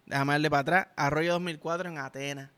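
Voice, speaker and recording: An excitable young man with a Puerto Rican accent, reacting out loud to a track he hears through headphones. His voice sits fairly high and rings bright and forceful. He talks with heavy emphasis and swears constantly. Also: quick pace, smooth. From Puerto Rico. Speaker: music reactor. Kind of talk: reaction commentary. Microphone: headphones while listening.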